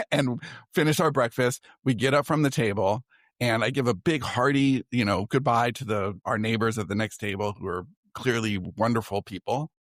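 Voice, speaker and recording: A man's voice: mid-range voice, normal speed, no echo, clean studio sound. A man in his forties, a writer and podcast guest, telling a story in a loose, self-deprecating, chatty way. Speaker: guest, science fiction writer. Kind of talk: casual storytelling in conversation.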